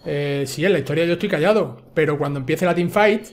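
Spain-accented male streamer, live play-by-play, jumpy, cusses, a bit high-voiced. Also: fast. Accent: Spain Spanish. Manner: excitable, swearing, yelling when startled. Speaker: gaming streamer. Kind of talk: live gameplay commentary.

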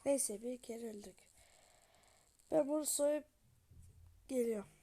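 A woman's voice: on the high side, slow pace. A woman casually commenting while playing a horror game, swearing often and talking to her viewers and to the game. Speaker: gameplay streamer. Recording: loud background noise with clicks.

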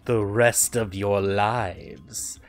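A man voicing a posh, sinister female hotel owner, speaking in a grand, drawn-out fancy manner. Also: fairly low pitch, expressive, soft background music.

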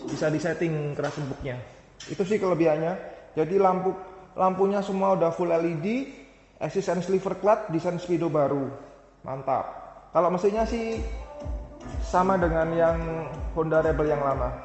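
A motovlogger casually walks around a motorcycle he's reviewing, chatting through its features and specs with fillers and self-corrections. His fairly high, slightly mellow voice moves at a moderate pace, echoing in a large hall with faint music behind.

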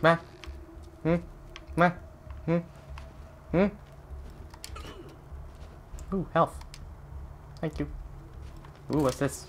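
A man's voice: fairly high pitch, fairly even intonation, drawn-out words, pauses often, a bit bright, slight background noise. A man giving casual let's-play commentary in a silly, mocking way, full of mumbled asides. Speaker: gaming youtuber.

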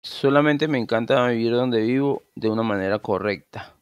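A Venezuelan-accented man in his thirties chats casually over a headset while streaming a game from a small room at home, rambling and restarting easily. His voice is medium-pitched, smooth, and at a normal speed, with no room sound.

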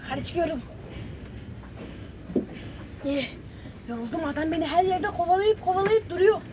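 A woman playing a video game and commenting on it, exasperated and often yelling at the character on screen. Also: extremely high pitch, lively intonation, normal speed, background noise. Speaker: gamer. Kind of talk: let's play commentary. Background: loud game music.

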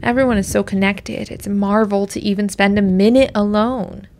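Gravelly-voiced woman narrating a musing essay. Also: medium pitch, fairly even intonation, normal speed, darkish tone. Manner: wistful, musing, drifts into near-whispers. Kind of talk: reflective scripted narration. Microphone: voice-over. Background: music.

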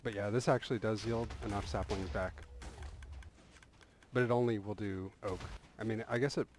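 In a fairly low voice at normal speed, this man casually explains a game build for a tutorial voice-over. He wanders a little, restarting sentences and filling gaps with "uh." A little hiss or hum sits under the audio.

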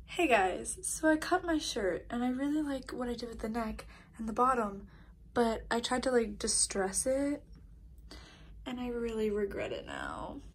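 A young woman chatting casually to her vlog in a bubbly, excitable, slangy sorority-girl manner. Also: a little high, a little slow, breathy edge. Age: young adult. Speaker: vlogger, sorority member. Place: campus patio, halls and bedroom. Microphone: phone at arm's length. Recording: noisy phone recording, background room noise.

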